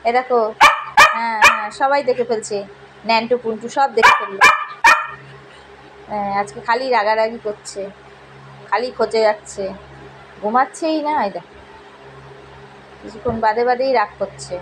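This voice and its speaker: A woman's voice: a little high, expressive, normal speed, pauses often, noisy background. Teasing woman filming her dog. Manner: teasing, repetitive, talks to the dog and viewers. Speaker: pet vlogger. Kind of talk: casual pet vlog narration.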